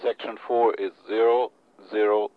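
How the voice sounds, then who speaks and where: A man's voice: fairly low pitch, level tone, unhurried. A man relaying message traffic over two-way radio with static, in formal procedure and clipped phrases, reading numbers digit by digit. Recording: muffled, noisy radio with static.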